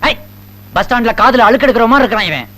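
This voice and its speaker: An actor playing a snobbish London-returned groom who sneers and drops English words. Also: male voice, very high-pitched, animated, very fast, sharp tone, heavily acted. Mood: haughty. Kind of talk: film comedy acting.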